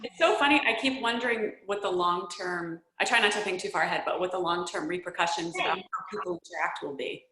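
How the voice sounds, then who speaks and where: A woman's voice: fairly low pitch, fast talker, hardly any pauses, a crowd in the background. Earnest woman in an echoey room. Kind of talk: casual group video-call chat. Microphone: video call.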